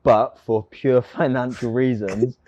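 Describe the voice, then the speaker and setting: A man's voice: medium pitch, fairly even intonation, slow, darkish tone, lo-fi sound. A young man from England with a southern English accent, a guest in a casual chat who jokes about himself and often says "um" and restarts his sentences. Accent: English, from near London. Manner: joking and self-mocking, many fillers and restarts. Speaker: guest, rugby player.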